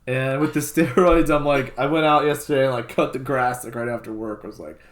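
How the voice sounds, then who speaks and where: A man's voice: medium pitch, fairly even intonation, a little fast. A man co-hosting a casual home vlog, rambling loosely with lots of filler words. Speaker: co-host. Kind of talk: casual chat.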